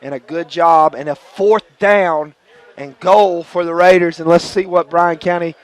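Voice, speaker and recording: Excitable man calling high school football. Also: a little slow. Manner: excitable, nervous, coughing. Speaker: play-by-play radio announcer. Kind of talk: local radio football play-by-play. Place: press box booth.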